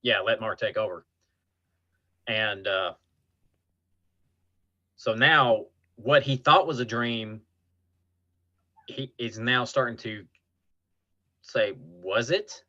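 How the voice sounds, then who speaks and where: A man hosting a casual podcast chat, his voice bright and forceful. He retells scenes with animation. The recording sounds dull and lo-fi. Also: lowish voice, takes it slowly, long pauses. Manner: animated retelling with acted quotes. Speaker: podcast host.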